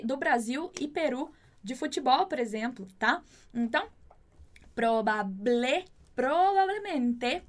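A woman, a native Portuguese speaker, teaching a Spanish lesson, saying drill sentences slowly and chatting between them. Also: sits high. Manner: slow, exaggerated drill phrasing, chatty asides.

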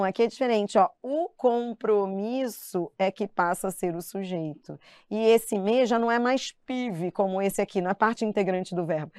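A middle-aged woman with a Brazilian Portuguese accent teaches a live online grammar lesson, chatty and lively, playfully imitating her students. Her mid-range voice is clear and resonant, captured as clean studio sound with no room noise.

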